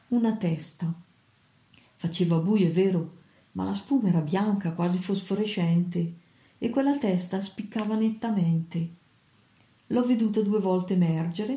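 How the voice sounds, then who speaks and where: A woman narrating an old adventure novel in a steady, measured audiobook reading. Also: mid-range voice, reverberant.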